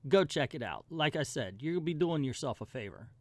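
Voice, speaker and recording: A man's voice: on the high side, very animated, normal speed, dry recording. Middle-aged man doing a casual countdown review, dry sound. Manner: folksy and colloquial, with emphatic asides. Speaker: comic book review channel host.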